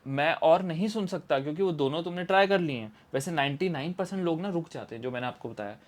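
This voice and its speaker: A man's voice: fairly high pitch, quick pace. Chatty man giving casual advice. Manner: chatty, informal, acts out relatives' lines. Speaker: advice vlogger.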